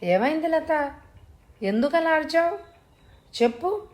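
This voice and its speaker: A woman's voice: medium pitch, measured pace, a little mellow, natural voice. A woman voicing an anxious young husband who pleads with urgent questions. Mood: alarmed. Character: anxious young husband, gentle, easily alarmed.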